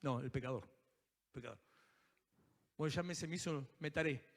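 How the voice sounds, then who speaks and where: A man preaching a sermon with a Rioplatense Spanish accent, acting out quoted prayers with lively asides. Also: mid-range voice, normal speed. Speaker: pastor. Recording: live church service in a reverberant hall.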